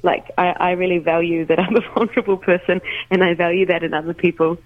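Talking fast with a medium pitch and fairly even intonation, a musician guest gives a casual phone interview while making coffee at home. The speech is hesitant, with many ums and restarts, captured as a dry recording on a tinny phone line.

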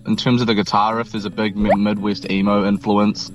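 A young man in his twenties with a New Zealand accent, chatting casually about his band in a relaxed, rambling way with lots of fillers and restarts. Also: fairly low pitch, a little fast, faint music behind. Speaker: band member guest. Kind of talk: casual interview chat.

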